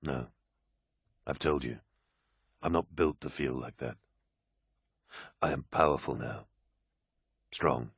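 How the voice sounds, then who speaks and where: A man doing a towering warrior captain with a very deep, husky voice. He speaks quietly and with flat certainty. The sound is dry and close. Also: slow, pauses often, dry recording, heavily acted. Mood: stoic. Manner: low, quiet and flatly certain. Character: towering superhuman warrior captain, calm and stoic.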